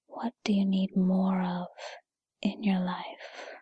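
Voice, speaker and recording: A woman playing a gentle, patient fairy godmother in a whispered role-play, with a breathy whisper and a soothing, encouraging manner. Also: mid-range voice, flat delivery, no echo, lo-fi sound. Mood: gentle, reassuring. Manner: soothing, encouraging, unhurried second-person address.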